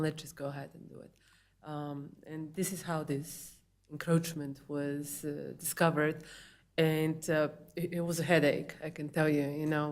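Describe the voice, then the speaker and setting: A woman with a Bulgarian accent giving informal testimony at a public meeting, explaining things in a halting way. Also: low voice. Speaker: applicant, homeowner.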